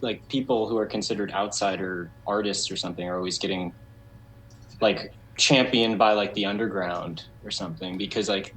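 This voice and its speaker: A fairly low male voice in a relaxed podcast conversation. He thinks out loud in long, looping sentences. He fills them with "like" and "you know". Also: a little hiss or hum, rough recording. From United States. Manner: rambling, heavy use of "like", thinking aloud. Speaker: record label co-founder, guest. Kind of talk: casual podcast interview.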